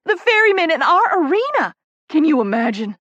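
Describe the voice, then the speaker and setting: In an audiobook novel, a narrator voices an excitable little Southern woman who works in publicity, gushing breathlessly in a high voice that swings upward with emphasis. She sounds bubbly and effusive with a Southern drawl, lightly acted, squealing with excitement at a moderate pace. The recording is close, dry, and a bit dull, with no echo.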